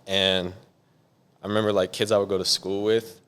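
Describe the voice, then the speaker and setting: A man's voice: low voice, normal speed, smooth. A young man from San Diego, a music producer talking casually in an interview, rambling with lots of "like". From San Diego, USA. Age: young adult. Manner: relaxed, rambling, heavy on "like".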